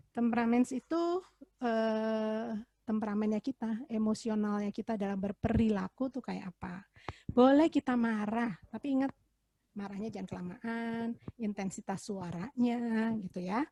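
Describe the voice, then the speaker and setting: A woman's voice: a little high, dark tone, no echo. A woman, a psychologist giving a casual webinar talk to parents, explaining with everyday examples and rhetorical questions over a video call. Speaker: child psychologist presenter.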